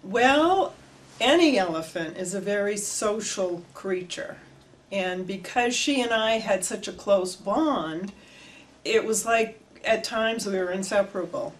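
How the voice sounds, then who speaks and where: An older woman recalls her past for an interviewer, her voice at an ordinary middle pitch. She tells the story with lively, animated delivery. A faint hiss sits under her voice. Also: a little slow. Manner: animated storytelling, gestures with hands. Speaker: oral history interviewee. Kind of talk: reminiscing interview. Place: indoor room before flags.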